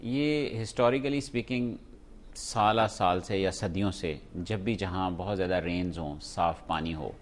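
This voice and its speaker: A man's voice: low voice, slight background noise. A middle-aged man with a Pakistani accent, a public health doctor explaining carefully as a guest on a studio talk show. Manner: measured, explanatory, listing examples.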